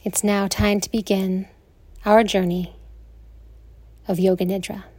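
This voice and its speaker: An American woman teaching yoga nidra, guiding rest slowly and soothingly like a sleep story narrator, with spacious pauses. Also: mid-range voice, level tone, mellow, husky, dry recording. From lives in southern Colorado, United States.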